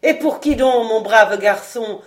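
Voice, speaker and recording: A woman's voice: medium pitch, lively intonation, measured pace, lightly acted. A woman doing a sneering male villain. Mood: mocking. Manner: ironic, sneering. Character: cruel mocking male ex-acrobat thug.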